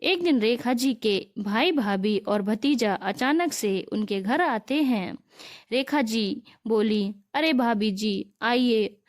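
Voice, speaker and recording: A woman narrating a moral story in a plain, even storybook reading. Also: a little high, takes it slowly.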